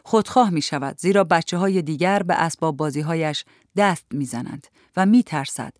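A narrator reading a literary story aloud in a measured, even storytelling manner. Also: mid-range voice, dry recording, clean studio sound. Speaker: audiobook narrator.

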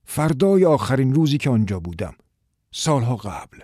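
Husky, expressive male audiobook narrator. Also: mid-range voice, no room sound, clean studio sound. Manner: wistful, measured, expressive.

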